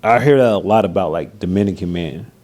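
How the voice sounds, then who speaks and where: A man hosting a podcast with a low, mellow voice. He is laid-back and talks loosely, dropping casual swears and laughing often. He comes from California. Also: brisk. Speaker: podcast host.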